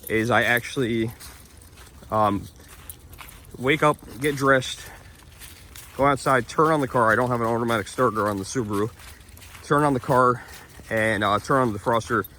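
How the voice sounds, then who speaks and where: Regular-pitched guy from upstate new york rambling on a dog walk in the woods, chuckles a lot, slight hiss behind. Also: a bit bright. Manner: rambling and chatty, laughing often while walking the dog. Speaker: vlogger. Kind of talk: casual walking vlog chat. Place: outdoors on a wooded trail.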